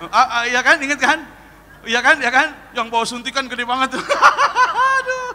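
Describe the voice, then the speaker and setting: A man, a pastor, preaching an animated sermon and telling joking stories full of acted-out dialogue. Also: very high-pitched, brisk. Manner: animated, joking, acts out dialogue in his story. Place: church hall. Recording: long hall reverb, faint noise.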